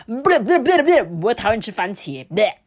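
A woman's voice: fairly high pitch, very animated, fast talker, voice pushed up. A woman voicing a bratty, picky, childlike cooking pot that whines and sulks in a storybook. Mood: whiny. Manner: whiny, sulky, spitting out food.

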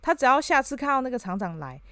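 A woman, co-hosting a podcast and retelling a story in a casual, animated way with plenty of fillers. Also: sits high, fast talker, dry recording. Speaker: podcast co-host.

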